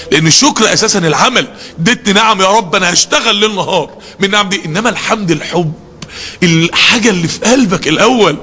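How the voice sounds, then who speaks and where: Egyptian male preacher, high quick and sharp voice, passionate rhetorical sermon, reverberant hall. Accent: Egyptian Arabic. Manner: rhetorical questions, emphatic, passionate.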